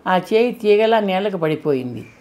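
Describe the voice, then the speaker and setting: A woman reading an audiobook aloud, narrating a mythological novel in steady, measured storytelling. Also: mid-range voice. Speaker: audiobook reader.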